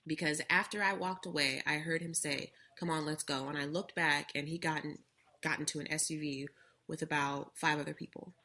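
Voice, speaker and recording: Low-voiced woman telling a personal story. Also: fairly even intonation, a little fast, pushed and bright. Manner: earnest storytelling. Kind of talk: casual talk show discussion.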